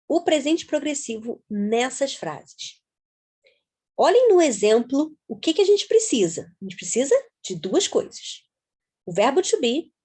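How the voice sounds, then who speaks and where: A woman's voice: sits high, darkish tone. A woman teaching English grammar to viewers, patiently spelling words out letter by letter.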